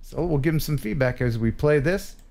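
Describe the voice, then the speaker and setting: A show host with a creaky, somewhat high voice talks briskly about viewer drone footage. He keeps it casual and lively, laughing often and throwing in jokey asides.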